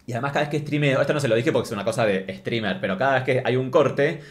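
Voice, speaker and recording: A man's voice: medium pitch, very fast. A man with an Argentine accent telling a comic story as a streamer, ranting in a crude, sarcastic way. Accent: Argentine Spanish.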